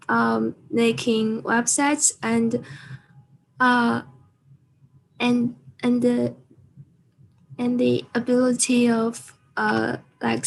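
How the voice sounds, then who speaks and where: A woman's voice: a little high, gravelly, a little hiss or hum, poor audio. A woman from China, an architecture student, hesitantly introducing herself on a video call with many fillers.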